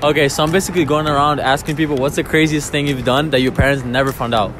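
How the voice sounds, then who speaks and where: A young man hosting a casual street interview in a busy outdoor city square with a handheld mic, repeating answers back and firing quick follow-up questions. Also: a little high, steady tone, over music. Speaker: street interviewer, channel host.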